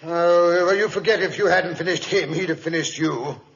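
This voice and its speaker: A man's voice: a little high, normal speed, a little hiss or hum, lightly acted. A man with a British accent playing a grumbly, good-hearted doctor and detective's sidekick in an old radio drama, huffy and exclamatory. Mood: scolding. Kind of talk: 1940s radio acting. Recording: muffled old radio recording.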